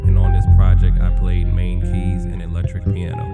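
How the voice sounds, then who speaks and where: A man from Virginia introduces himself on an album track in a low voice. His delivery is flat and matter-of-fact, with almost no rise or fall. Loud guitar music plays behind him. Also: moderate pace, vocal fry, phone-quality sound. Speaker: keyboard player introducing himself.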